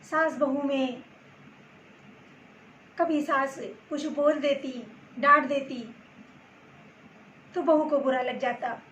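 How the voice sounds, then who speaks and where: A woman telling a story to her channel's viewers in gentle, halting phrases, with roomy echo and faint background noise. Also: sits high, fairly even intonation. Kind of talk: storytelling narration.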